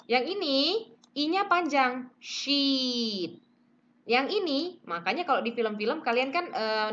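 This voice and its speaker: A woman's voice: fairly high pitch, fairly bright tone, highs cut off. A woman teaching English pronunciation in a casual online lesson, chatting, mixing in English phrases and modelling sounds.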